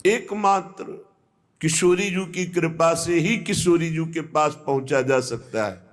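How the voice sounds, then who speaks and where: A man giving a devotional discourse as a spiritual teacher, speaking in a measured, reverent way. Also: a little high. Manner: slow, measured, reverent delivery.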